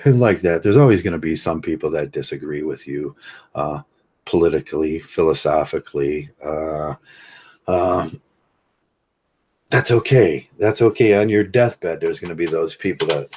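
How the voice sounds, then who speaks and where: A man's voice: low-pitched, a little mellow. A man hosting a casual livestream monologue, rambling with many fillers and restarts and laughing at his own jokes. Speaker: livestream host.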